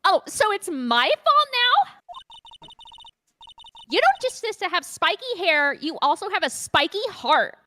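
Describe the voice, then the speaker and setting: A sassy valley-girl witness, high and bright, bouncing all over her range as she dodges and snaps back, as a woman puts her on for friends. She talks in quick, defensive retorts. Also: big pitch swings, a little hiss or hum, full character voice. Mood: snippy. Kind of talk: voicing a game character for friends.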